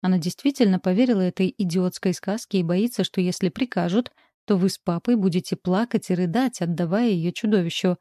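A woman's voice: fairly low pitch, fast talker, hardly any pauses, warm tone, no room sound, clean studio sound, lightly acted. A woman reading aloud, voicing a grown woman who earnestly reproaches her own mother. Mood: reproachful. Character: adult woman, reproachful and reasoning.

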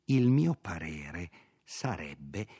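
A man voicing a sharp-tongued, bossy middle-aged housekeeper in an audiobook, scolding and insistent. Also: low-pitched, very animated, drawn-out words, husky, exaggerated voice. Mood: lecturing. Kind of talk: audiobook character voice.

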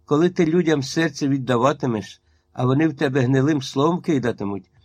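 A man's voice: medium pitch, a little fast, darkish tone, breathy edge, no room sound, natural voice. A man reading a story aloud and voicing a stern old village witch woman with a harsh, iron-hard manner.

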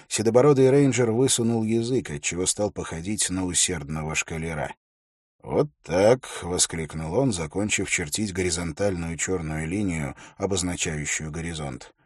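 A man narrating an audiobook in a measured, even way. His voice is very deep and a little husky. The recording is dry and close, with no room sound. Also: no room sound.

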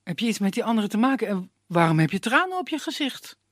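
A storyteller voicing a calm, fatherly older wood gatherer who gives directions in a puppet tale. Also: sits high, fast, no room sound, studio quality, pitched above the performer's own voice, exaggerated voice.

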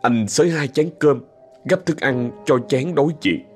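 A man narrating a scripted story in a soft, expressive way. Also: medium pitch, measured pace. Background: faint music.

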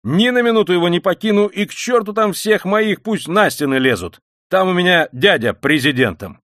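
A man reading an audiobook voices a drunk, excitable young man who shouts and blusters. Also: medium pitch, moderate pace, no room sound, clean studio sound, natural voice. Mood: boisterous.

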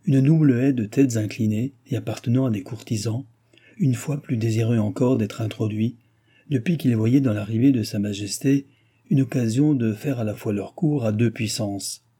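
A man reading a classic novel aloud in a measured, even way. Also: medium pitch, husky. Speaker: narrator. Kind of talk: audiobook reading.

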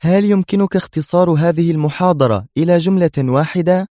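A man voicing a young woman spy partner, tense and indignant, in a raised falsetto-like voice. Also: brisk, dark tone, dry recording, studio quality, close to an everyday voice.

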